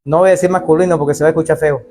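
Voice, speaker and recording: A man preaching a sermon as pastor in a church, animated and acting out the voices of people he quotes. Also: a little high, quick pace.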